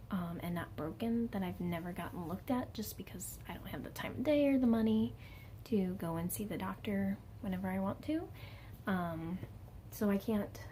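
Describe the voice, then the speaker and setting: A woman's voice: mid-range voice, dark tone, a little hiss or hum. A woman in her late twenties talking candidly in a casual personal vlog, chatty and self-mocking with plenty of fillers. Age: late 20s. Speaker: vlogger.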